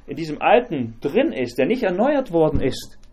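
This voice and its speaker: A man teaching a Bible study group, talking in a halting way with many fillers and restarts and asking the group questions. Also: fairly high pitch, big pitch swings, a little mellow.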